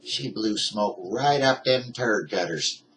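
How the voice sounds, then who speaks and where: Guy ranting on his channel, fired up and folksy, bright voice, bit of hiss behind. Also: lowish voice, animated, takes it slowly, rough recording. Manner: heated, indignant, folksy. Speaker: YouTuber. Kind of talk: ranting vlog.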